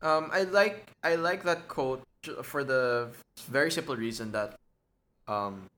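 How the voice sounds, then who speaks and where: A man's voice: mid-range voice, unhurried, a bit bright. A young man in his twenties, co-hosting a casual chat about a drama, thinking aloud and acting out the lines he quotes. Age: 20s. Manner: thoughtful, acts out quoted lines. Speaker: podcast co-host.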